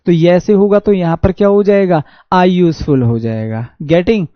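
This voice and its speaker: A man's voice: high-pitched, no room sound. Haryanvi man teaching English online. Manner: reads English sentences slowly, asks and answers his own questions. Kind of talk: online exam-prep class. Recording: dull dry lo-fi audio.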